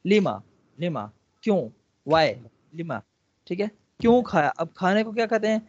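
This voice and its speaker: A man's voice: high-pitched, sing-song, a little mellow, dull audio. A man teaching Arabic in an online lesson, patient and coaxing, repeating words and often checking that the student follows. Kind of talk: patient step-by-step tutoring.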